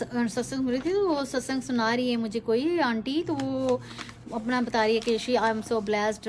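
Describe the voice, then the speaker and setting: A middle-aged woman giving a chatty devotional testimony to a live online group, mixing English phrases into her Hindi. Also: on the high side. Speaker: satsang speaker. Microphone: phone or webcam.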